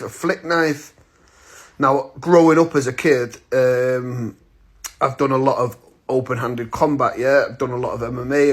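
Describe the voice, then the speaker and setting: A man in his thirties, a vlogger telling a story straight to camera in a blunt, slangy, casual way. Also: medium pitch. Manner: blunt, slangy, acts out the moments he retells.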